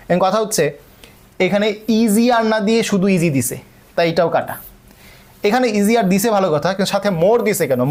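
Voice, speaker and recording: A man with a Bangladeshi Bengali accent teaching an online grammar class. He explains step by step, keeps checking that students follow, and reads the English questions slowly. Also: high-pitched, darkish tone.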